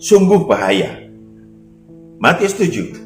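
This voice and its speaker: Male preacher, emphatic and animated; roomy church sound with faint music. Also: a little high, takes it slowly. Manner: emphatic, repeats scripture lines after the reader. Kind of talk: sermon.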